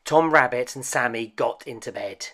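With a medium pitch, a man reads aloud from a children's storybook as host, shaping each line gently, deliberately, and with feeling.

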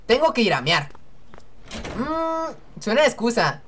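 A woman's voice: a little high, sing-song, measured pace, a bit bright, husky. A young woman hosting a let's-play, chatting and joking to herself as she reads game dialogue aloud. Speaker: gaming channel host.

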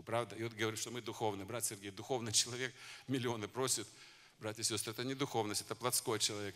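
A man's voice: medium pitch, pushed and bright. A man preaching a sermon at a conference, exhorting his listeners fervently. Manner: fervent, exhorting address to the congregation. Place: conference hall. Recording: long hall reverb.

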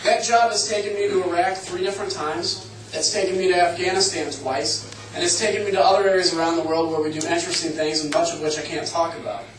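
A man in his thirties from Illinois addresses a town hall crowd in an earnest, direct campaign speech. His voice sits a little high for a man. He sounds far from the microphone in a roomy, echoing space with a faint hum of ambience. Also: a bit bright. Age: 30s. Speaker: congressional candidate. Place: public meeting room. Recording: echoey room, far from the mic, faint ambience.

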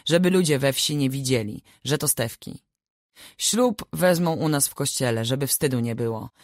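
A woman's voice: extremely low pitch, dry recording, clean studio sound. A woman reading the lines of a harsh, furious older peasant father in a storybook, barking threats.

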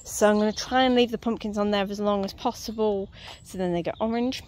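Recording outdoors on a handheld phone, an off-screen woman gives a casual tour of her allotment garden, teasing herself and laughing easily as she chats. Her voice is medium-pitched, a little mellow, and a little fast. Slight background noise and faint outdoor ambience are present.

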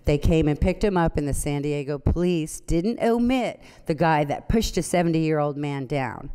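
A woman's voice: deep voice, expressive, normal speed, dark tone, clear, resonant tone. A middle-aged woman giving an earnest, somewhat nervous public comment at a city council meeting, speaking into a podium microphone in a large chamber. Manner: earnest, pleading, a little nervous. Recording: long hall reverb from the chamber.

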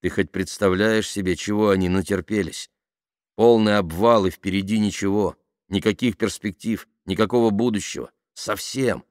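A man voicing a gentle, soft-hearted young man who speaks earnestly. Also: fairly low pitch, moderate pace, no room sound, studio quality, close to an everyday voice. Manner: calm and earnest.

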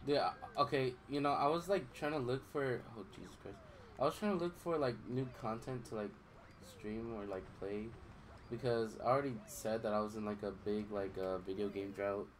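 A young man's voice, on the low side and still recovering from strain, carries casual gameplay commentary at a moderate pace while he streams a game. He rambles, loses his thread, and tosses out offhand swearing. Game music plays, and there's a little hiss or hum.

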